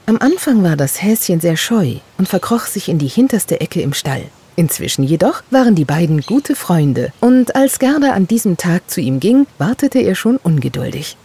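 Low, warm-voiced woman reading a story. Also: very animated, moderate pace, few pauses, slightly rough. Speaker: narrator. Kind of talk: storybook narration.

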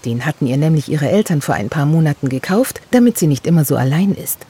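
A woman reading a children's story aloud in an expressive, melodic way. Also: low voice, quick pace, a little hiss or hum. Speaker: narrator. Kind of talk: storybook narration.

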